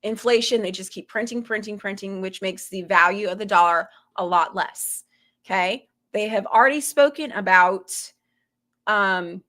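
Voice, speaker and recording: A woman's voice: medium pitch, normal speed, pushed and bright. A woman from Florida with a faint Southern lilt, hosting a casual commentary to her viewers, talking in a suspicious, rhetorical way and checking in with "okay?" after each point. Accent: slight Southern US. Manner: conspiratorial, rhetorical, keeps adding "okay?". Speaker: host.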